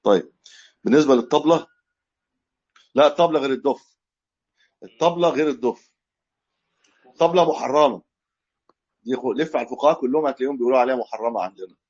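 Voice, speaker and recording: A man with an Egyptian accent teaches a live class at a brisk clip. His voice is husky and he explains in an easy, conversational way, pausing to correct himself. The recording sounds dull and lo-fi. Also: mid-range voice, a little mellow. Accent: Egyptian Arabic. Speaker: religious teacher. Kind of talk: live class lecture with questions.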